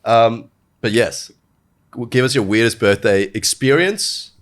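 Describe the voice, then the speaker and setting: A man's voice: mid-range voice, lively intonation, measured pace. A young man with a cold, his voice congested, co-hosting a podcast in casual chat. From Australia. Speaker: podcast co-host.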